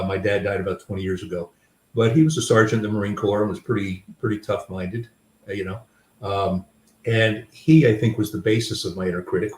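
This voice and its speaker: Older man, low voice, roomy sound. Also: darkish tone, recorded from a distance. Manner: candid, self-deprecating, with many restarts and fillers. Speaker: author and guest. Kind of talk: reflective personal storytelling.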